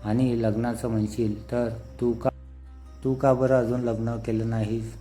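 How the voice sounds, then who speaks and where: A man voicing a proud, sensitive young woman who teaches dance, reading her lines slowly and evenly in his own dark, low-key voice. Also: level tone, soft background music, lightly acted. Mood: teasing.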